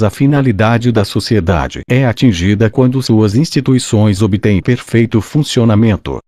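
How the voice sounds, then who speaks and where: A man's synthetic, robotic voice with a Brazilian accent, reading scripted educational narration in a formal, measured way. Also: on the low side, a little mellow, no echo, studio quality. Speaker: narrator of an exam study summary.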